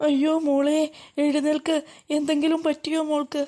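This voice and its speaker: A kind, remorseful wife who soothes a crying child, voiced by a cartoon actress. Her voice is high but oddly flat, hardly rising or falling. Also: brisk, close to an everyday voice. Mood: soothing. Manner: soothing, apologetic.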